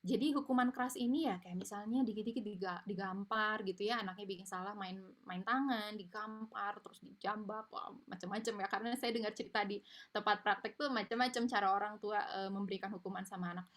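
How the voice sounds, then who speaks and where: A woman's voice: medium pitch, fairly even intonation, a little fast. Chatty woman giving a parenting webinar. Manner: chatty, explanatory, frequent tag fillers. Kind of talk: informal online lecture. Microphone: video call mic.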